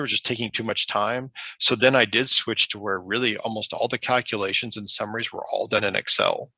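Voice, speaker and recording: Bright-voiced man answering questions. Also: mid-range voice, creaky, no echo, low-quality recording. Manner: rambling, self-correcting. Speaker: conference presenter. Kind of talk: casual Q&A answer.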